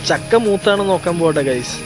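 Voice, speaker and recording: A woman's voice: fairly low pitch, lively intonation, fast, over music. Chatty woman vlogger talking to viewers. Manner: chatty, addresses viewers directly, many fillers. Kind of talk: casual family vlog. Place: outdoors near a temple and jackfruit tree, later a home kitchen.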